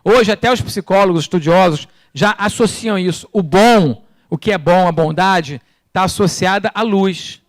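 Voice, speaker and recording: High-pitched Brazilian pastor preaching. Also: male voice, normal speed, dry recording, clean studio sound. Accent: Brazilian Portuguese. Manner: animated preaching, rhetorical questions to the congregation; swings between loud bursts and quiet low asides. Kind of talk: sermon. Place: church.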